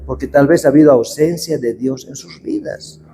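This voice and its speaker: A male pastor preaching a sermon, reading scripture slowly and deliberately. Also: on the high side, dark tone, a little hiss or hum. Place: church hall. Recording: long hall reverb.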